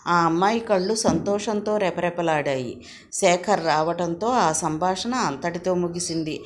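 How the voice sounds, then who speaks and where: A woman narrating a novel aloud in a measured, expressive reading. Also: lowish voice. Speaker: audiobook narrator.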